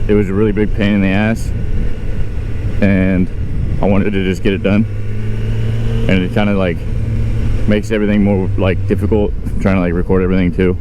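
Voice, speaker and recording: Man talking inside a helmet, loud road noise. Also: sits low. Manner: laid-back, rambling, profane. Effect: voice enclosed inside a motorcycle helmet. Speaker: motovlogger. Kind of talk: casual, unscripted motovlog chat to viewers. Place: outdoors, riding a motorcycle on roads. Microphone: mic inside helmet at lower front of visor. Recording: loud wind and engine noise, helmet mic. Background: loud road, wind and vehicle noise.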